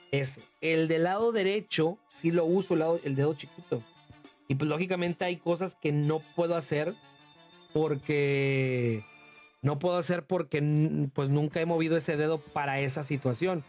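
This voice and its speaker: A talkative man with a Mexican accent streams a game and chats with viewers, his voice sitting a little high. He calls them "monstruo" as he thanks them, while faint music plays behind him. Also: normal speed, a little mellow. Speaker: livestreamer. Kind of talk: casual livestream gaming commentary.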